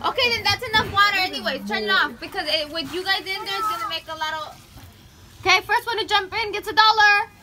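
Very high-voiced blunt young woman, noisy outdoors. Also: fast. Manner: blunt, sweary, drops in Spanish words. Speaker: relative joining the vlog, godmother. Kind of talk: casual family banter. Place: outdoors on a house porch. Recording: very noisy outdoor phone recording.

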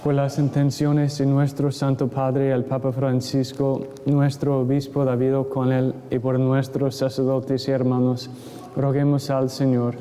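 A man leading Mass as priest, intoning the creed and prayers in a steady, measured way, his voice carrying a cathedral echo. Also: medium pitch. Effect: cathedral echo, long church reverb. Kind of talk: liturgical recitation of creed and prayers. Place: large church. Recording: echoey church hall with congregation. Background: congregation responding.

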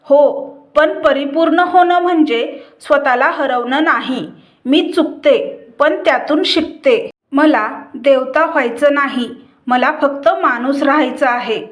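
A woman voicing a quiet, reflective wife. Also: sits high, slow pace. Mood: calm. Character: tired middle-class wife, quiet, reflective.

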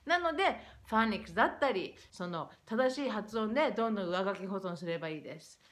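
A young woman talking casually to camera about English pronunciation, lively and switching between English and Japanese. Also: mid-range voice, fast.

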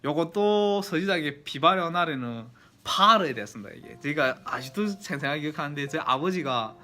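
A man's voice: fairly high pitch, animated, normal speed, pushed and bright. A man from Yanbian in China with a Yanbian Korean accent, chatting casually and politely to viewers as he reminisces. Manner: chatty, polite formal endings. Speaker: vlogger. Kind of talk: casual nostalgic storytelling to viewers.

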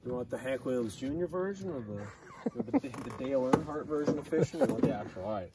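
A young man sits in a small boat on a lake, casually demonstrating his fishing technique step by step in a relaxed way. His voice is medium in pitch, quick, and lively in intonation. The recording is slightly distant, with faint outdoor sounds.

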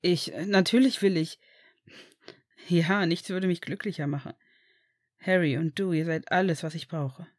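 A woman voicing a gentle, soft-spoken grown man in a storybook reading. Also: lowish voice, expressive, racing, hardly any pauses, dry recording, studio quality, close to an everyday voice. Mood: moved.

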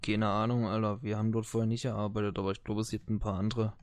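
A man's voice: on the low side, level tone, quick pace, no echo, studio quality, natural voice. A man playing a crude, foul-mouthed soldier being questioned in a tabletop role-play, swearing and dismissive in his slangy answers. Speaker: game master voicing a character.

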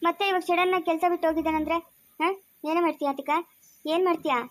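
A young woman playing a blunt, practical student friend who talks in a brisk, scolding way in a family skit. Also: extremely high pitch, steady tone. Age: young adult. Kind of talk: amateur family skit acting.

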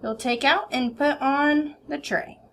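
Young woman with a high voice, cooking steps. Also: fairly even intonation, takes it slowly, gravelly, a little hiss or hum. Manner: simple instructions while working. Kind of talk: cooking demonstration. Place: home-style kitchen.

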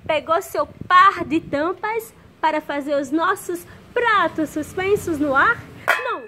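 High-voiced woman teaching kids music. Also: animated, unhurried. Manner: gentle, patient, explains step by step. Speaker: music teacher for young children. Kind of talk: children's music lesson. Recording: noisy background.

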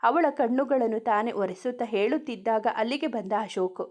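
Lady reading out a love story, kinda high voice, keeps it steady. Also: moderate pace. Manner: narrates and speaks all characters in one voice. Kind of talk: reading a romance story aloud.

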